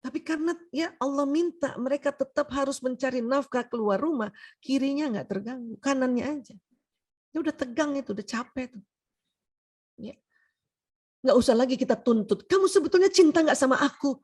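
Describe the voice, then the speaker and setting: A woman doctor giving a humorous seminar lecture, lively and teasing, often acting out quoted voices. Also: sits high, moderate pace, long pauses, husky.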